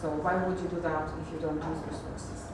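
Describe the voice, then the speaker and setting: A woman's voice: low-pitched, level tone, a little fast, background noise. Hesitant woman presenting in an echoey hall. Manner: hesitant, many fillers and restarts. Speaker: conference presenter. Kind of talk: technical conference talk. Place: large echoey conference hall. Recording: echoey hall audio from far off.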